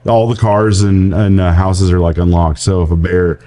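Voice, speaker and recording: Podcast co-host, man in his forties, low and mellow, rambling storyteller. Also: level tone, normal speed. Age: 40s. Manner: rambling storyteller, laughs often. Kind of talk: casual chat.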